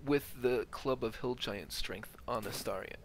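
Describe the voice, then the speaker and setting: A gaming video host offers casual, methodical gameplay commentary, thinking aloud and reading out stats. His voice is mid-range and measured, with game ambience in the background and a little hiss or hum.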